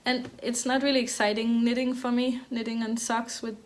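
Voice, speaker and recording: Here a woman with a voice on the high side talks at normal speed, keeping her delivery even and flat. In her thirties and from Denmark, she hosts a knitting podcast in a relaxed, hesitant style with frequent fillers and restarts.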